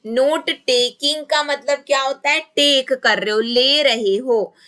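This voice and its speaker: A woman's voice: high-pitched, slow pace, pushed and bright. A woman teacher giving an exam-prep lecture, mixing Hindi and English, asking and answering her own questions and dictating key terms word by word.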